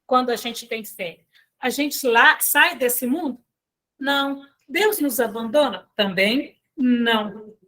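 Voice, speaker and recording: Speaking slowly in a fairly high, sharp-toned voice, a woman leads an informal spiritual talk for a study group. She's a lay speaker at a spiritist center whose chatty storytelling is sprinkled with filler tags and asides to her audience.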